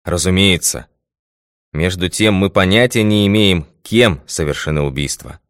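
A man reading the lines of a calm, methodical male detective in a storybook tale, with a measured, confident manner. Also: low voice, clean tone, no room sound, studio quality. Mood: assured.

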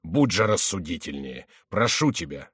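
A man's voice: sits low, sing-song, moderate pace, fairly bright tone, husky, no room sound, clean studio sound, voice pushed down, heavily acted. A man voicing a distraught, hot-tempered male king in an audiobook, wailing and ranting. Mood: pleading.

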